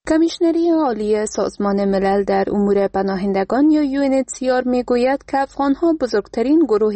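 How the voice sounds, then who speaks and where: A woman's voice: fairly high pitch, dry recording. Woman reporter reading formal radio news. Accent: Afghan Dari. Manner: steady, formal news delivery.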